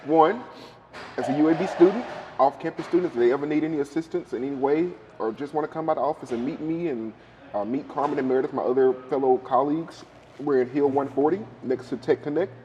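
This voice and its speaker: A man's voice: mid-range voice, fast talker, warm tone, highs cut off, slight background noise. A young adult man, chatting easygoingly as a guest in a restaurant interview. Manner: easygoing, affirming, says okay often. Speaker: guest, university staff member and choir leader. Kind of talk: casual interview chat. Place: restaurant, indoors.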